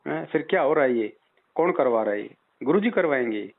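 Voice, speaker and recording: A man with a gravelly, mid-range voice and lively intonation speaks briskly on a phone call, serving as a spiritual advisor to a doubting caller. He gives religious advice insistently and with admonishment, hammering his points with rhetorical questions. The phone-line audio is tinny and band-limited.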